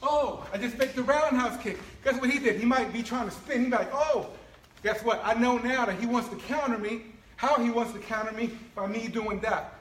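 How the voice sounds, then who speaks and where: High-voiced martial arts coach in echoey gym. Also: male voice, slight background noise. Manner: animated, coaching with frequent "right?" and "all right?". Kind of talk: instructional demonstration. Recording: echoey room with faint ambience.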